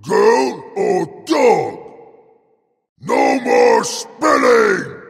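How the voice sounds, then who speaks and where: An actor voicing a huge, slow-witted frost giant in a video game, bellowing in broken caveman speech with a gravelly, raspy voice. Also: high voice, wildly swooping pitch, long reverb tail, full character voice. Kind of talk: video game taunt voice acting.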